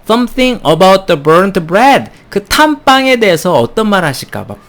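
Lively, animated male teacher. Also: sits high, takes it slowly. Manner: animated, playful, chuckles between points, mixes English phrases into explanations. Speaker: English teacher. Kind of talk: recorded textbook lecture.

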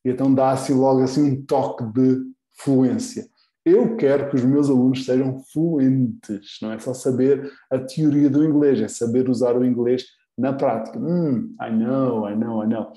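A man with a European Portuguese accent teaching English in a live online lesson, patiently repeating example phrases slowly and clearly. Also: mid-range voice, fairly even intonation, warm tone, reverberant.

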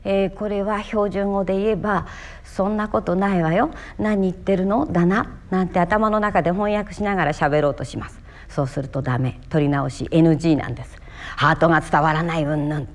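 A Japanese actress from Miyagi performing a one-woman stage monologue, telling her story theatrically with sudden leaps in pitch. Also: steady tone, brisk.

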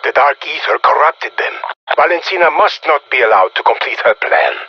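An actor playing a stern, disdainful Russian colonel in a video game, giving curt, menacing orders in a Russian accent over a military radio. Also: male voice, mid-range voice, animated, fairly quick, creaky, slightly rough, lo-fi sound. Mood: commanding. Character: stern, disdainful Russian colonel, a scheming Cold War commander. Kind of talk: video game character voicelines.

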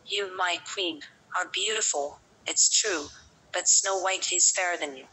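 A woman's voice: lowish voice, measured pace, sharp tone, a little hiss or hum, low-quality recording. A woman storyteller voicing a solemn, truthful magic mirror in a children's story. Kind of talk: storybook character voice.

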